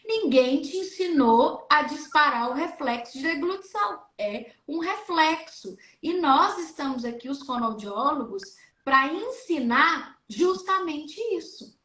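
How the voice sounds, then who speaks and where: Slow, bright-voiced woman explaining. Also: sits high, animated, roomy sound. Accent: Brazilian Portuguese. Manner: demonstrative, acts out coughs and vowels. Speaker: speech therapist guest. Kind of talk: explaining on a live stream.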